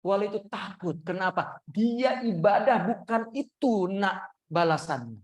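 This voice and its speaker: A man teaching a religious class, telling a story and acting out the voices of its people. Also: measured pace. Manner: lively storyteller acting out quoted voices with big pitch jumps. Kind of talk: sermon storytelling.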